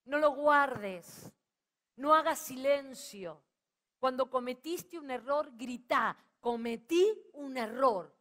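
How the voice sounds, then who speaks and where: She's a middle-aged preacher from Argentina with a Rioplatense Spanish accent, her high voice animated, slow and fairly bright. Rousing the congregation, she calls out and urges them to reply.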